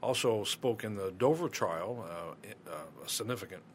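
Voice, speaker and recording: A man co-hosting a casual podcast, telling a story in a halting way with many fillers. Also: lowish voice, lively intonation, slight background noise. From Kansas City area. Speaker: podcast co-host. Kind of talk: casual chat.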